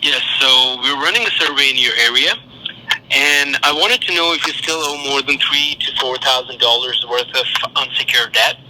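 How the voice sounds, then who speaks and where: A man's voice: mid-range voice, normal speed, sharp tone. Guy doing a scripted phone survey, pretty noisy line. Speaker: debt survey telemarketer. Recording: noisy telephone line with clicks.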